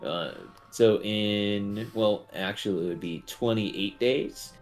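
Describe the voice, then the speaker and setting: A man runs a tabletop game as game master, narrating off the cuff. His voice is fairly low and his delivery slow and halting, over faint music. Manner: halting, deliberate.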